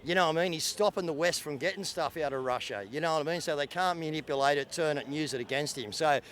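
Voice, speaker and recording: A man's voice: a little high, fast talker, a bit bright, a little hiss or hum. A man at an outdoor rally talking in a casual, rambling way in a street interview. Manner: casual, rambling, lots of "you know what I mean". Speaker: rally attendee.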